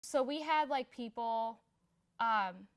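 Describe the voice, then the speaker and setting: A woman's voice: on the high side, slow pace, smooth. A young woman from Somalia in a casual personal interview, talking in a chatty, unpolished way with lots of filler words. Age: young adult. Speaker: interviewee in a community profile.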